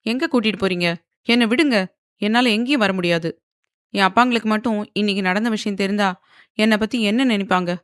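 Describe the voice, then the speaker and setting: A woman's voice: medium pitch, brisk, dry recording, clean studio sound, natural voice. A woman voicing a proud young woman who answers back angrily and sarcastically, in an audio novel. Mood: defiant. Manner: angry, sarcastic.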